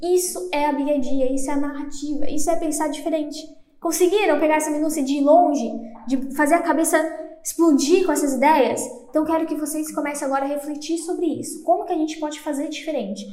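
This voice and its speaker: A young woman from Brazil, hosting a solo podcast. She talks fast, stumbles over words and jokes about her own diction. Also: sits high, mellow. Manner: fast-talking, self-deprecating, trips over words. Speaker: podcast host. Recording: echoey room.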